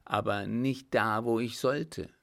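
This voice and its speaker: A man's voice: medium pitch, fairly even intonation, takes it slowly, gravelly, a bit bright. A man reading aloud and voicing a cheeky, loyal young male servant who talks in a jaunty, plain-spoken way.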